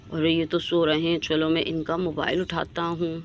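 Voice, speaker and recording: Woman putting on a low, muttering male burglar. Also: flat delivery, unhurried, slight background noise, lightly acted. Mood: sneaky. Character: male burglar, sneaky and greedy.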